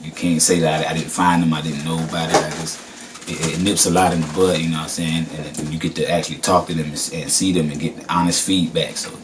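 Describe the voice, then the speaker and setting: Laid-back deep-voiced man, far from mic. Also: little pitch movement, fast talker, noisy background. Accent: Southern US. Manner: laid-back, repeats filler phrases. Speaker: rapper. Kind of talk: casual interview talk.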